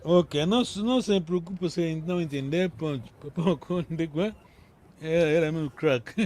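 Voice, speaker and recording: High-voiced man correcting pronunciation patiently. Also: a little slow, darkish tone. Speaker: language teacher. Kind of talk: online language lesson.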